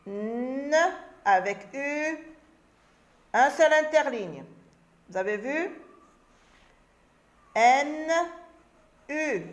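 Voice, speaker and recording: A woman teacher speaks slowly and carefully, spelling out letters and syllables for young children with patient instruction. Her voice sits a little high. The recording carries a roomy echo. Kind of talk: reading and phonics lesson for children.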